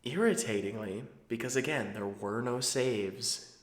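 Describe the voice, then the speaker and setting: A man's voice: medium pitch, unhurried. A man in his thirties hosting a video, talking in a casual, rambling, conversational way. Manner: digressive, conversational. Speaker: video channel host. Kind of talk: casual, rambling retro game commentary. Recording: roomy, echoing sound.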